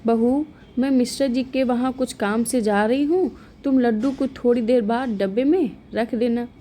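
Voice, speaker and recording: A woman voicing a strict, sharp-tongued middle-aged mother-in-law in a storybook tale, scolding and raising her voice. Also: a little high, moderate pace, a little hiss or hum, natural voice. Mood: calling.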